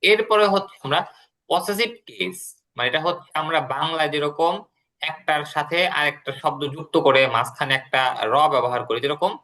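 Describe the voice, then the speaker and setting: Bright-voiced teacher explaining patiently. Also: male voice, fairly high pitch. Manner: explains patiently, repeating words and translations. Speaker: English teacher. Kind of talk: classroom lesson.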